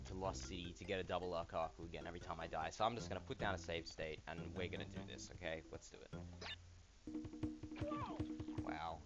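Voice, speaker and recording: Chatty low-voiced man narrating gameplay. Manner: chatty, thinks aloud, bursts of excitement. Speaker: let's play gamer. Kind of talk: casual gameplay commentary. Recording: dull lo-fi voice with game music behind. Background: video game music.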